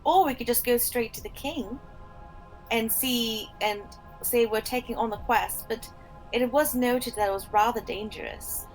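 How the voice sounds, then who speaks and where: A woman's voice: a little high, unhurried, soft background music, low-quality recording. A woman playing a tabletop game, thinking aloud in character as she lays out options. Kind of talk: casual in-character planning.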